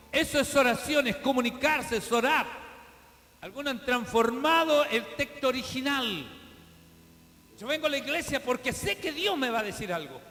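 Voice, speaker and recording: A man's voice: very high-pitched, pushed and bright. An older man preaching a fervent sermon, repeating his calls and addressing the congregation directly. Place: church. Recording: long reverb of a church hall.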